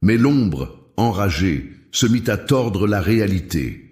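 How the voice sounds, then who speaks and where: A man tells a suspenseful story in a slow, dramatic manner. His voice is very deep, and the recording has a roomy echo. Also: sing-song, a little mellow. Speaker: narrator. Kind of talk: dramatic scripted narration.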